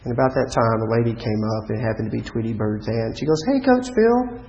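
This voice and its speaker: A middle-aged man, preaching a sermon through a personal story, lively in the telling and dropping quiet to drive a point home. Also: on the low side, quick pace, highs cut off. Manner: animated storyteller, drops to quiet emphatic lines.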